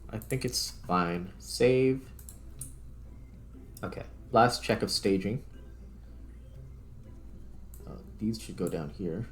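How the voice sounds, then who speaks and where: Speaking slowly and leaving long pauses, a man with a voice on the low side plays through a game for his video channel. His let's-play commentary is casual and informal, mostly him muttering his thoughts aloud, and music runs underneath.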